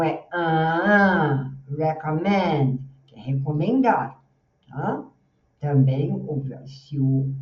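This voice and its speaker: A woman with a Brazilian Portuguese accent teaching an English grammar lesson, patiently explaining and sounding out English words slowly. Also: low voice. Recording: roomy, distant, dull lo-fi sound.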